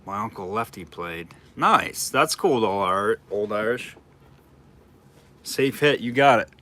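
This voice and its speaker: Guy running a live auction stream, bright voice, rambly and casual, rattles off bids. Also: on the low side, lively intonation. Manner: chatty, rambling, quick bid calls. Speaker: livestream auctioneer.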